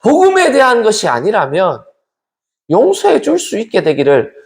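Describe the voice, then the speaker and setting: Korean pastor guy preaching bible study, high voice that jumps all over, talks right to the church folks. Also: moderate pace, gravelly. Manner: lively preaching, addresses the congregation directly.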